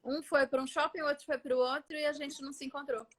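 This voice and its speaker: A woman hosting a casual chat, relaxed and brief, sharing a short anecdote. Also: sits high, fast. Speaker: host.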